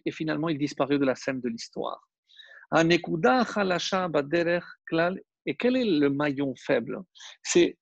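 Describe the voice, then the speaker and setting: A rabbi whose first language isn't French teaches a Torah class with emphasis, calling out directly to his listeners. His voice sits on the high side and sounds gravelly and husky. The recording is muffled and has no room sound.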